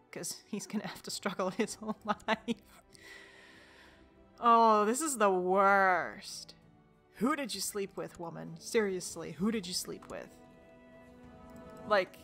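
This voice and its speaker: A woman's voice: mid-range voice, a bit bright. A woman casually commenting on her strategy game, exasperated and joking, talking to the characters and laughing often. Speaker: let's play gamer.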